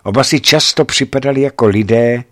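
A man narrating a novel aloud in a measured literary reading. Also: medium pitch, fairly bright tone, no room sound, studio quality. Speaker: audiobook narrator.

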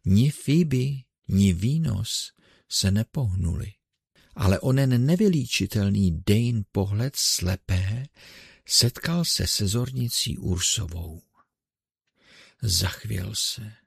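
Deep, gravelly male audiobook narrator. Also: no room sound, studio quality. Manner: steady, measured literary reading.

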